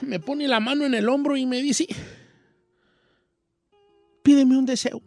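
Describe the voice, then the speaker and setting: A man's voice: very high-pitched, fairly even intonation, unhurried, a little mellow, no room sound, faint music behind. A man voicing an old Mexican rancher with a Mexican accent, hosting a radio show and telling a rambling, self-mocking comic story. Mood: folksy storytelling.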